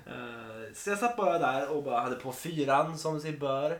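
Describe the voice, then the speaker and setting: Chatty podcast man in an echoey room. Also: mid-range voice. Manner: chatty, swears freely, laughs often. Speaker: podcast co-host. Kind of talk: casual chat.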